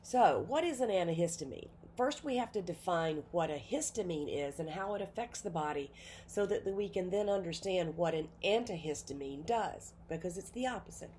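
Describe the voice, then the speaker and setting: A woman with a cold teaches nursing pharmacology in a recorded classroom lecture, informal and peppered with fillers and self-corrections. The nursing instructor's fairly low, darkish voice has lively intonation at a moderate pace, with slight background noise.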